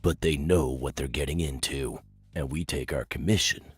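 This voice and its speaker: An actor playing a calm, menacing man who runs a gambling den in a video game, speaking in a measured, matter-of-fact way. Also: rumbling low, slightly rough, dry recording, full character voice. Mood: cool.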